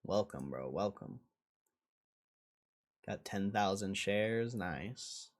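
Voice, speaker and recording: Speaking slowly in a low voice with lively intonation, a man hosts a casual livestream. He reads out viewer comments and chats with them in slang, repeating phrases often.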